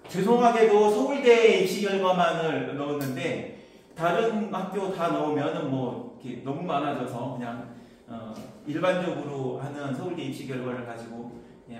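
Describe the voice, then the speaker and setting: A middle-aged man, an academy instructor, giving an info session to parents in a chatty, anecdotal way, pushing his voice higher to carry. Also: lively intonation, normal speed, a little mellow, a little hiss or hum. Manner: chatty, anecdotal, raises pitch to project. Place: lecture room. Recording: distant mic, very echoey hall.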